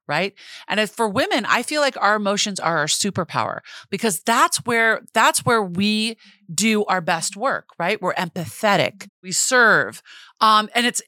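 Middle-aged woman, podcast co-host, bright voice, dry close sound. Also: mid-range voice, no room sound. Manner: animated, laughs often, faith-based talk. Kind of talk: casual chat.

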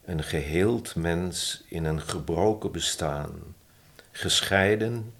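Deep slow guy, thoughtful podcast guest reading his poem. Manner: slow, thoughtful, reads his own poem softly and deliberately. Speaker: podcast guest, publisher and poet. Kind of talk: conversational interview with a slow poetry reading.

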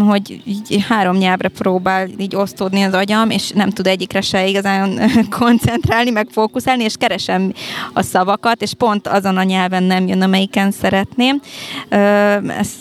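Creaky-voiced woman in casual conversation. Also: medium pitch, a little hiss or hum. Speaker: podcast guest.

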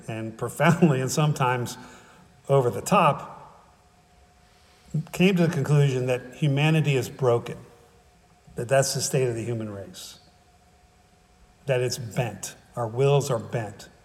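A man's voice: mid-range voice, a little slow, long pauses, in a large hall. A man preaching a sermon in a casual, conversational way, with wry humor, often checking in with "right?" and "okay?".

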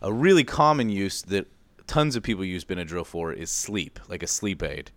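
Low-voiced and very animated, a man co-hosts a podcast and walks through his research in a loose, informal, self-deprecating style sprinkled with mild slang. He talks at a normal speed, and there's no room sound.

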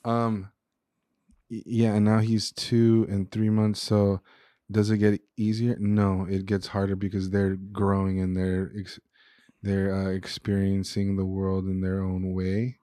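A man's voice: low-pitched, completely flat delivery, a little slow, warm tone, dry recording, clean studio sound. A young man, a podcast guest, talking casually and openly about his feelings, recorded in a living room. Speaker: podcast guest, chef and restaurant owner. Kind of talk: casual conversation.

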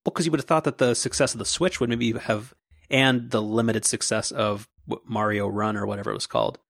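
A man co-hosting a podcast, talking in a wry, animated way with little laughs. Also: lowish voice, brisk, creaky, no room sound, clean studio sound. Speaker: podcast co-host. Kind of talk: casual tech chat.

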